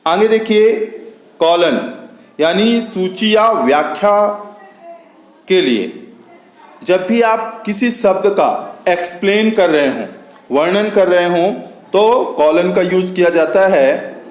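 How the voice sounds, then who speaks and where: A man's voice: sits high, expressive, takes it slowly, roomy sound. A man with an Indian accent teaching a grammar lesson, patient and repeating each point for his students.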